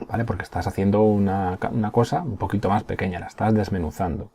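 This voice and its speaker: Low, warm-voiced teacher. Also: male voice, steady tone, fast talker, creaky, slight background noise. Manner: patient, explaining step by step with frequent checks like "¿Mm?" and "¿vale?". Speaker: primary school teacher. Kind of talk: recorded remote class.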